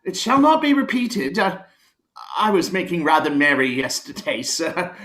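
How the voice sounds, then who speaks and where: An actor playing a meek, apologetic male clerk in a radio play, timid, halting and deferential. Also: mid-range voice, big pitch swings, fairly bright tone, reverberant. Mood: apologetic, nervous.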